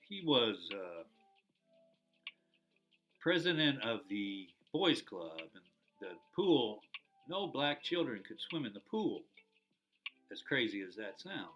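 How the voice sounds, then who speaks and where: Middle-aged man, bright voice, rambling storyteller, faint guitar underneath. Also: on the low side. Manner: rambling, reflective, many fillers and restarts. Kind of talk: casual personal storytelling.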